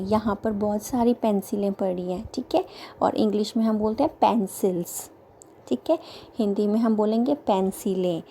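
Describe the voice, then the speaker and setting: A woman teaching a children's grammar lesson, slowly repeating each word pair and asking and answering her own questions, mixing English words into her speech. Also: medium pitch, warm tone, a little hiss or hum.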